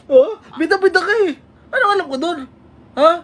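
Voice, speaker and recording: A woman's voice: very high voice, lively intonation, a little fast. A woman in a casual argument with her partner, answering defensively, swearing often and teasing back.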